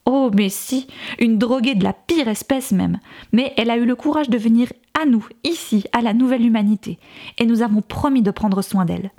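A woman's voice: fairly high pitch, moderate pace, warm tone. A woman reading aloud voices a zealous young girl in a cult who talks in a sweetly earnest, devoted way.

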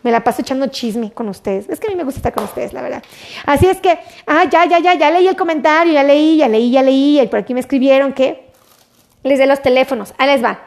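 Chatty high-voiced Mexican woman doctor. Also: a little fast, vocal fry. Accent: Mexican Spanish. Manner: chatty, warm, repeats her pleas to share. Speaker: doctor hosting a live stream. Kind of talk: casual live-stream health talk. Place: doctor's office, indoors. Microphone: webcam or phone in her office.

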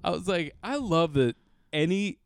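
Drunk young man, smooth mid voice. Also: fairly high pitch, animated, moderate pace, no room sound. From Canada. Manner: rambling, profane, acts out other people's lines. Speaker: podcast co-host. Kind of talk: casual chat.

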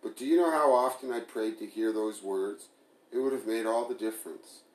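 A man's voice: lowish voice, normal speed, lightly acted. A man voicing a hurt, sarcastic young woman who confronts her partner, speaking in a pleading, bitter way. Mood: hurt, pressing. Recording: roomy echo.

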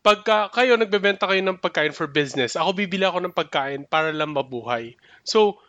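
A man's voice: sits high, expressive, brisk, pushed and bright, dry recording, lo-fi sound. A young man co-hosting a casual podcast, thinking aloud in a mix of Tagalog and English, often restarting and hedging. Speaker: podcast co-host.

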